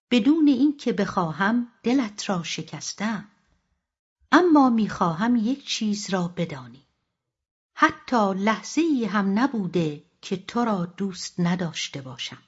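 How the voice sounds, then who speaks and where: Storybook husband, middle-aged, shaky and tense, husky edge, read by a woman, muffled lo-fi audio. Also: medium pitch. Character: troubled middle-aged husband, pleading then angry. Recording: dull lo-fi audiobook recording.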